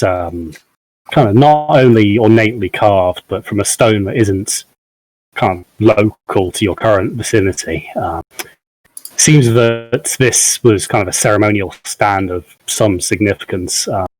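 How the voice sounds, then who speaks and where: A man runs a tabletop game, narrating the scene in a fairly low voice. He fills his sentences with ums and "kind of" as he feels his way through. The sound is dry and close, with no room around it. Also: no room sound, rough recording. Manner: hesitant, many ums and "kind of". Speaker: game master.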